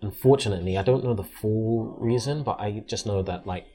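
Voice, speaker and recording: Very deep-voiced hesitant male guest. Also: a little fast, warm tone. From London. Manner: hesitant, many ums and restarts. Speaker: podcast guest, entrepreneur. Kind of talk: casual interview chat.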